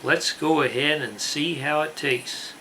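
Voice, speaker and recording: A man hosting a casual food review to camera, speaking in a deliberate, emphatic way with drawn-out words. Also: on the high side, sharp tone, a little hiss or hum, rough recording. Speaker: snack review channel host.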